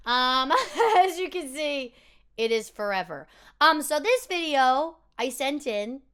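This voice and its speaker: A woman's voice: high voice, lively intonation, slow pace, a bit bright. A young woman chatting casually and self-deprecatingly as she reacts to her own audition tapes.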